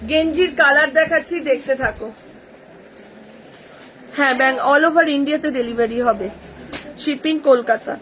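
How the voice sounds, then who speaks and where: A woman, selling clothes from her shop on a live stream with brisk, repetitive sales patter about colours and prices. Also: high voice, a bit bright, a little hiss or hum, rough recording.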